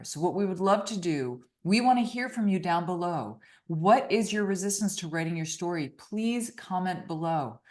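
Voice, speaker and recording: A woman's voice: on the low side, darkish tone. Chatty woman co-author hosting. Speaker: co-author and host. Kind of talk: casual video talk.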